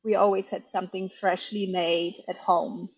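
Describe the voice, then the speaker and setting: A woman's voice: fairly low pitch, level tone, moderate pace, slightly rough, no room sound, lo-fi sound. A woman in her thirties from Poland, a bakery owner talking casually about how she started, with lots of ums and easy laughs. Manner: chatty, warm storytelling with frequent ums and light laughs. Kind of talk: casual interview answers.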